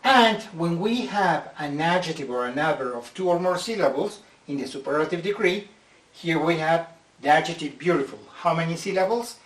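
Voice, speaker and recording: English teacher, roomy distant sound. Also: male voice, fairly high pitch. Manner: slow, careful explanations, stretching out example words. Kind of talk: slide-based grammar lesson.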